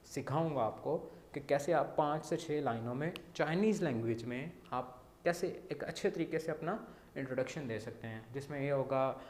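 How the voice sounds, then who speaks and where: A man with a Pakistani Urdu accent teaching Mandarin, slowly repeating sounds and often checking with "theek hai". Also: mid-range voice, roomy sound, slight background noise. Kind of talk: language lesson explaining words.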